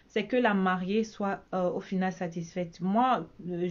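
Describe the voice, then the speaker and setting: A woman's voice: mid-range voice, darkish tone, highs cut off. A woman from Cameroon with a Cameroonian French accent, chatting casually in a vlog as a bridal shop owner, repeating herself often.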